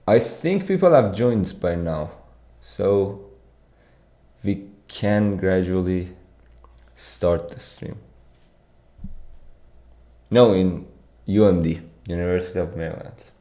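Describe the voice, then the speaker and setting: A young Iranian man who streams competitive programming relaxes in a small, dim room lit pink, reading his live chat aloud and answering it casually. His deep voice moves slowly with frequent pauses, captured by a studio mic on an arm.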